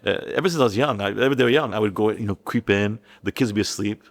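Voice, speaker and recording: Gravelly low-voiced man, halting and candid. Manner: halting, with many restarts and repeated words; acts out family members' voices when quoting them. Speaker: podcast guest. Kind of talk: candid personal storytelling.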